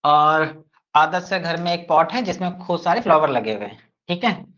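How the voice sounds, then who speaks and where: A man's voice: a little high, sing-song, normal speed, fairly bright tone, dull audio. A man teaching an online grammar class, playful and teasing his students as he explains. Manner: addresses students fondly as kids.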